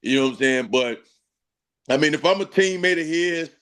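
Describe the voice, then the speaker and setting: A man with a fairly high voice talks football on a casual show, emphatic and full of slang. He jokes along as he makes his points, speaking as a former player. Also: moderate pace, fairly bright tone, clear, resonant tone. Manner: emphatic, slangy, laughing asides. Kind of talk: casual sports talk.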